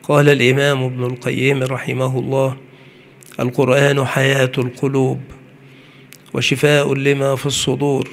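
A man giving a measured religious lecture, slowing down on his key points. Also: medium pitch, gravelly, slight background noise. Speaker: preacher.

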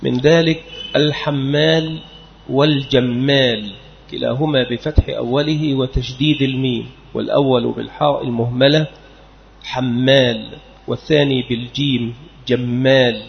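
A man with a gravelly, creaky voice teaches a careful scholarly lesson. He spells out every name letter by letter, slow and measured. The recording sounds dull and lo-fi. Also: medium pitch, steady tone. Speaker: teacher of hadith narrator names.

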